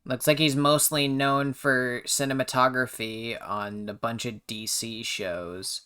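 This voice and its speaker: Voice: medium pitch, flat delivery, a little slow, bright, forceful tone, clean tone. A host giving casual, slangy reaction commentary on a TV episode, exclamatory and self-deprecating.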